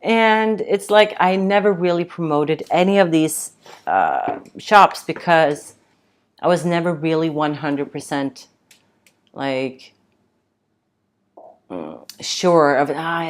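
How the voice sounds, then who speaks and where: A young woman hosting a casual livestream chat, reading out comments and rambling with many fillers and restarts. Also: low voice. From Sweden. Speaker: tattoo livestream host.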